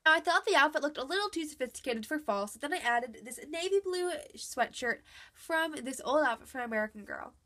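This doll collector vlogger, a young woman with a cold, presents her dolls' outfits in a scripted voice-over that's chatty and upbeat. Her high voice sounds pushed and bright, expressive, and brisk.

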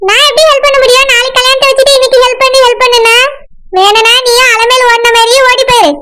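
A woman's voice: very high voice, level tone, fast talker, bright, forceful tone. A woman as a teasing, blunt village girlfriend. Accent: Kanyakumari Tamil. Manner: teasing, mocking. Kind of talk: village skit acting.

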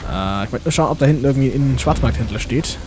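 Over game music, a man hosting a let's play rattles off quick, offhand commentary in a medium pitch, chattering both to himself and at the characters on screen.

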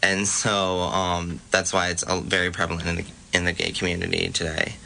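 Deep flat-voiced student guest, hesitant. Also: male voice, normal speed, gravelly, a little hiss or hum. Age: young adult. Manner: hesitant, frequent "um". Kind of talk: casual radio interview. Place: campus radio studio.

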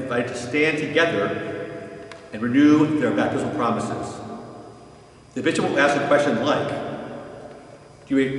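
A man's voice: mid-range voice, far from the mic. Older man explaining in an echoey church. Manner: calm, plain explaining with frequent restarts. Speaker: parish pastor. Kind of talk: instructional walkthrough. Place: large empty church. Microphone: far camera.

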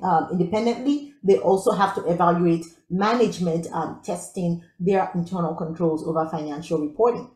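Nigerian-born woman teaching a workshop, talks fast and cheery, middle pitch, roomy echo. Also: darkish tone. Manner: fast-talking, upbeat, checks in with audience. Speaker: IT audit instructor. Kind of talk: live online workshop teaching.

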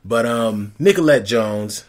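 A man co-hosting a casual movie recap chat, joking and breaking into fast, excited rants. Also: medium pitch. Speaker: co-host of a movie recap show.

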